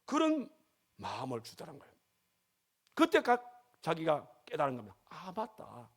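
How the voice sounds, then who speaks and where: Male pastor, sermon, high voice, very lively swings, emphatic. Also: moderate pace. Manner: emphatic preaching, voice rising and dropping sharply.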